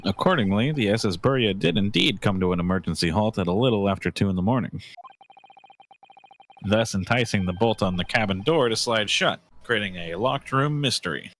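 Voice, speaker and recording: A man reading the part of a police inspector, formal and measured as he sums up the facts of the case. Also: on the low side, lively intonation, fairly bright tone, slight background noise. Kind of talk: reading a game scene aloud with friends.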